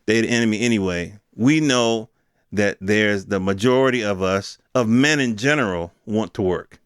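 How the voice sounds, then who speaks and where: An American podcast host in his fifties delivers a casual, opinionated solo monologue, emphatic, slangy and conversational. His voice is lowish at normal speed, clean and echo-free with studio quality.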